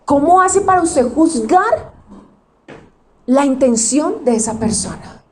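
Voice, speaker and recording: A woman's voice: high voice, expressive, slow pace, a little mellow, a little hiss or hum. A woman pastor preaching conversationally, often asking the audience questions and acting out quotes. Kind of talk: sermon.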